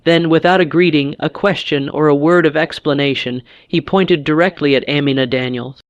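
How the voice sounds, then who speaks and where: A man reading a dramatic story as its narrator, steady and scripted. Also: fairly high pitch, normal speed, no echo, muffled recording.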